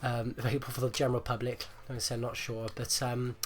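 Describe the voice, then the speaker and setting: A man's voice: mid-range voice, level tone, quick pace. A man with a rattly, congested chest from flu, giving casual, rambling gameplay commentary with hesitant repetitions. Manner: hesitant, rambling, repeats himself. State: phlegmy, getting over flu. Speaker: gaming video host.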